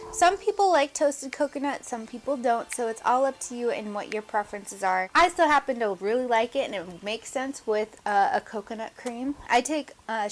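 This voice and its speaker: A woman hosting a casual cooking demonstration, chatty and upbeat, often speaking straight to her viewers with questions. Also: fairly high pitch. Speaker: cooking show host.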